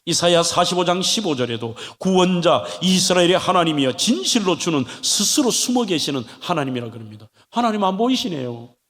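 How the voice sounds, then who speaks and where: A male pastor preaching a sermon in a church, delivering it in an animated way with dramatic turns. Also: high-pitched, fairly quick, hardly any pauses. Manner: animated preaching, acting out pleading voices of biblical figures. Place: church sanctuary. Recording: long hall reverb of a church.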